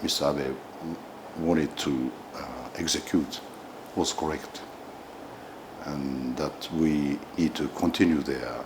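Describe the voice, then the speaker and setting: Male interviewee, Japanese accent, extremely deep voice, slow hesitant delivery, formal diplomatic register, noisy recording. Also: steady tone. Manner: halting, hesitant, broken phrasing. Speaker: ambassador being interviewed.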